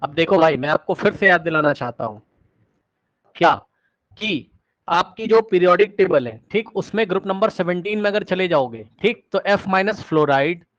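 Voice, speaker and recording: High-voiced man teaching an online class. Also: no room sound. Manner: energetic, repeats words rapidly to prod students; coaxing questions to the class. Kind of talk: live online class lecture. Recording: dull, dry online-class audio.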